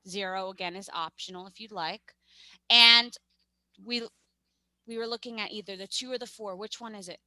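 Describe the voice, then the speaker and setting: A woman's voice: mid-range voice, moderate pace, sharp tone, no echo. A young woman with a New York accent teaching a math lesson over a video call, chatty and upbeat, often correcting herself.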